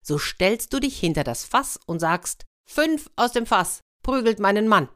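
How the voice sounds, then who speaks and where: A woman's voice: mid-range voice, sing-song, a little slow, fairly bright tone, pitched above the performer's own voice. A woman voicing the South Wind, a kindly, pitying male wind spirit who gives advice in a soothing, then firm way. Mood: sympathetic.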